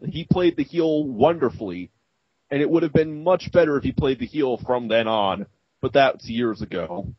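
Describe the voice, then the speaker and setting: A man's voice: mid-range voice, animated, moderate pace, breathy edge, dry recording, dull audio. A man co-hosting a podcast, eagerly jumping in with his take in casual chat. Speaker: podcast co-host. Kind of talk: casual chat recapping wrestling.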